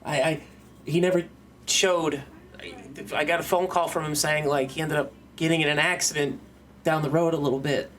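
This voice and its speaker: A man's voice: on the high side, fairly even intonation, moderate pace, a bit bright, close to an everyday voice. A man voicing a nervous male survivor in a zombie apocalypse who stammers and trips over his words. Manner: stammering, jittery. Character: nervous male survivor guarding an empty storeroom.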